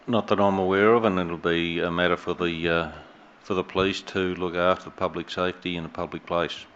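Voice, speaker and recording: Man, formal meeting chair, deep and even, muffled recording with faint noise. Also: a little fast. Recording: dull, faintly noisy meeting room audio.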